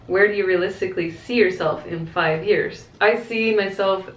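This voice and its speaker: A woman vlogger with a medium-pitched voice chats casually to camera at a moderate pace, answering viewer questions in a candid, reflective, conversational way. The recording sounds echoey and roomy.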